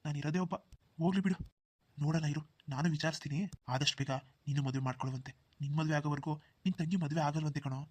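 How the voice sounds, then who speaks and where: A man voicing a well-off, generous young village man in a cartoon, who talks briskly and hushes others' worries. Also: on the high side, steady tone, no echo, natural voice. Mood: reassuring. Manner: brisk, dismissive of worries, hushing. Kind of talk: Kannada cartoon dubbing.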